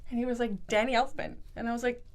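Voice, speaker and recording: A woman co-hosting a podcast, telling an animated festival story in casual chat and swearing freely. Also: fairly high pitch, very fast. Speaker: podcast co-host.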